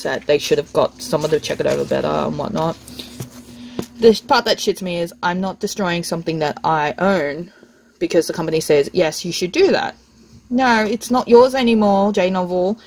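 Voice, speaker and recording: A young woman, chatting casually and excitedly, ranting a little and swearing now and then. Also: deep voice, creaky, slight background noise, rough recording. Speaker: vlogger. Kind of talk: casual chat.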